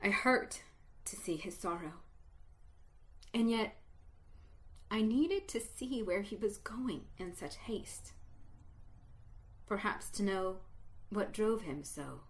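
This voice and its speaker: A woman with a medium-pitched voice narrates a story aloud, telling it slowly and expressively until it swells into exultant emotion.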